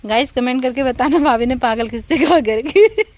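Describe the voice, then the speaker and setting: A woman's voice: fairly high pitch, fairly even intonation, a little fast, low-quality recording. A woman in her thirties chatting to viewers in a casual home vlog, recorded outdoors at a village home. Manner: chatty, addresses viewers directly. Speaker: vlogger.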